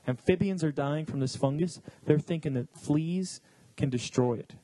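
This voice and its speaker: A man comedian on a podcast, joking with quick quips. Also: fairly high pitch, dark tone. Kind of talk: casual podcast chat.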